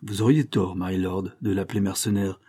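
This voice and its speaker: Brief: a man doing an elderly English solicitor, dry and cutting, measured replies, mellow husky tone. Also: low-pitched, steady tone, dry recording. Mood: cool. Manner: curt, cold and measured. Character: dry, cutting old English family lawyer.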